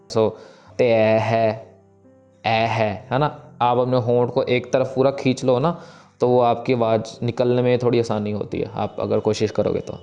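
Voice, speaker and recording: A man teaching careful pronunciation of scripture, patiently explaining and reciting each verse slowly. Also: mid-range voice, mellow, muffled recording. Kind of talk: recitation lesson.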